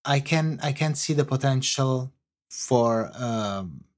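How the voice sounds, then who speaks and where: A composer from Italy, whose first language is Italian, speaks with an Italian accent and medium pitch. He's a guest on a podcast interview, answering in halting English while searching for words.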